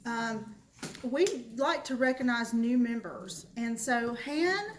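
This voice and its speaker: A woman's voice: fairly high pitch, lively intonation, takes it slowly, a little hiss or hum. A woman running a club meeting, making upbeat, welcoming announcements. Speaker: meeting organizer.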